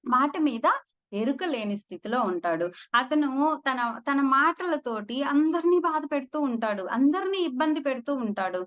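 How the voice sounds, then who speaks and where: A woman's voice: sits high, lively intonation, moderate pace, fairly bright tone, lo-fi sound. Woman teaching spiritual lessons. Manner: conversational, addresses listeners as friends. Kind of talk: storytelling spiritual talk.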